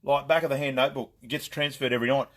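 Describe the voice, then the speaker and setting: A man's voice: mid-range voice, fairly even intonation, rapid-fire, fairly bright tone. A man with an Australian accent hosting a casual live stream from his shop, greeting viewers by name and rambling through new stock with fillers and jokes.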